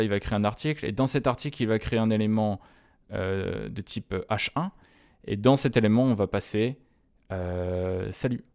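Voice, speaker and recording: A man teaching a screencast coding lesson, talking in a relaxed, chatty way straight to his viewers and pausing often on "euh" fillers and restarts. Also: lowish voice. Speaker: web developer teaching a coding tutorial.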